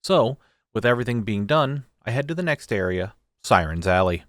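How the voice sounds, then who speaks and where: A man's voice: lowish voice, animated, moderate pace, a bit bright, no room sound, studio quality. A young man giving a casual, joking scripted recap of his video game playthrough. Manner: informal, joking, occasional swearing. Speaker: gaming video creator.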